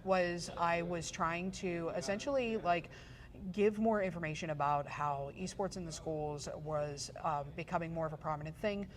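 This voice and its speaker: Here a fortyish woman from Pittsburgh, guesting on an interview as an esports photographer and journalist, talks at a moderate pace in a fairly low pitch. Her storytelling is chatty, peppered with fillers and restarts.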